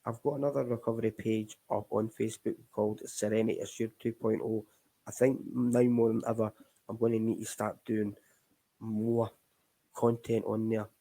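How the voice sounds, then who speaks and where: A man's voice: lowish voice, dark tone, poor audio. A middle-aged Scottish man hosting a recovery chat, talking candidly and rambling, calling his listeners folks. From Scotland. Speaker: recovery podcast host. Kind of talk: casual live chat.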